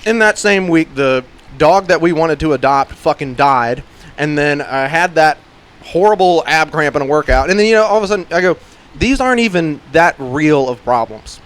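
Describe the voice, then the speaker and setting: A man's voice: a little high, moderate pace, hardly any pauses, fairly bright tone, clean tone. Rambling casual male podcast host. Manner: rambling, peppered with "like" and "you know"; blunt, swears casually. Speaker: gym coach and podcast host.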